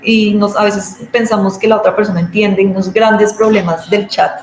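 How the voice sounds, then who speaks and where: A woman lectures informally, explaining patiently and acting out little everyday scenes. Her voice sits at an ordinary middle pitch. The room gives it a noticeable echo, with a faint hum of ambience behind her. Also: steady tone, moderate pace. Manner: explanatory, acts out everyday examples. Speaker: speaker on patient communication.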